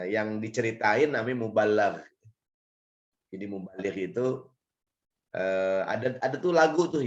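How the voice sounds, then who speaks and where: A man with an Indonesian accent and a hoarse, raspy voice, giving an informal religious lecture in a conversational, explanatory way. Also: lowish voice. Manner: conversational, lightly joking, explains step by step. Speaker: Islamic preacher and guest speaker. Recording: dull, lo-fi audio.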